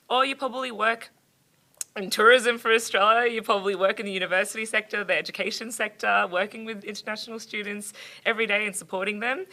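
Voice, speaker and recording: Young woman host, bright voice, upbeat and easygoing in a relaxed studio roundtable. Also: medium pitch, vocal fry. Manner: upbeat, laughs often. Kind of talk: casual roundtable chat. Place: studio in Sydney.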